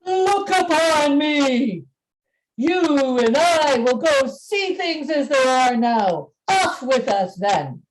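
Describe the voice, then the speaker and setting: A woman's voice: high voice, big pitch swings, takes it slowly, heavily acted, rough recording. A woman playing a grand, jovial giant Christmas spirit in a radio play, with a declamatory manner. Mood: commanding. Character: grand, jovial, gigantic Ghost of Christmas Present.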